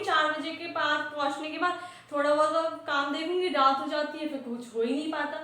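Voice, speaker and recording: A woman playing a weary female schoolteacher who chats and complains about her workload. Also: pushed and bright. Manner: chatty, complaining, sighs into low trailing remarks. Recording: very echoey room.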